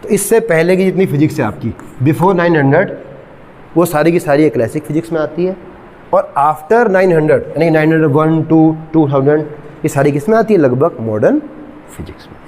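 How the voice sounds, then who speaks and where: A middle-aged man teaching a physics class, mixing English terms into his lecture, regularly checking whether students follow, and slowly dictating definitions. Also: fairly high pitch, a little mellow, in a large hall, slight background noise. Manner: asks students frequent check questions, mixes English terms.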